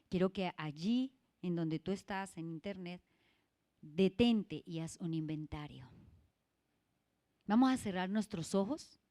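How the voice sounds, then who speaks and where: A woman's voice: medium pitch, a little mellow. A woman church leader preaching a sermon, emphatic and putting questions to her congregation.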